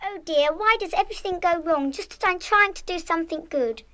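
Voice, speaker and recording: A woman's voice: very high voice, fairly quick, bright, forceful tone. An actress playing an impulsive, good-hearted schoolgirl of about eleven in a children's radio play, with an eager, emphatic delivery. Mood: flustered, pleading. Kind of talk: 1970s full-cast children's radio play acting.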